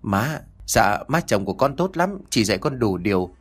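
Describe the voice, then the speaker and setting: A man voicing a gentle, dutiful young wife. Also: fairly low pitch, big pitch swings, moderate pace, slightly rough. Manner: gentle, dutiful, forced cheer. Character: young wife hiding her unhappiness.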